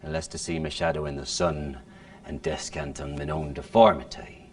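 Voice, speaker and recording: A man's voice: very deep voice, fairly even intonation, normal speed, darkish tone, voice pushed down. Richard III as a man plays him, original pronunciation. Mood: sardonic. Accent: Shakespearean original pronunciation. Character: bitter, scheming misshapen male king. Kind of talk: Shakespearean stage monologue.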